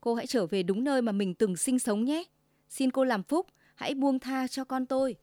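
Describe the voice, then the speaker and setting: A woman voicing a harsh, domineering old mother-in-law with a shrill, commanding way of talking, in a storybook tale. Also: moderate pace, mellow, dry recording, studio quality, lightly acted. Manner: shrill, commanding, sugary then scolding.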